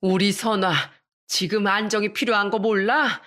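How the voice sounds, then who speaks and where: Woman reader as angry protective mother, shouting, higher and louder than the narration. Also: fairly even intonation, moderate pace, natural voice. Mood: furious. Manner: shouting, furious. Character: angry protective older mother, tearful and fierce.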